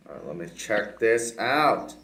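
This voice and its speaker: A man hosting a casual podcast, reading out listener questions and messages with quick asides. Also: fairly low pitch, big pitch swings, pushed and bright. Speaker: podcast host.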